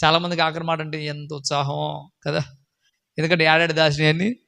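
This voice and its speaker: Emphatic high-voiced preacher man. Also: flat delivery, a little fast, creaky. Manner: emphatic, repetitive questioning, rising to shouts; acts out characters in a story with changed voices. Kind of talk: sermon.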